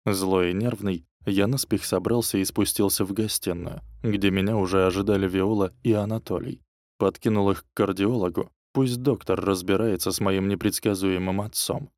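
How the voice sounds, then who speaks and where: A man's voice: lowish voice, darkish tone, no echo, studio quality. A man reading a first-person novel aloud as audiobook narration, with an irritated, sardonic edge.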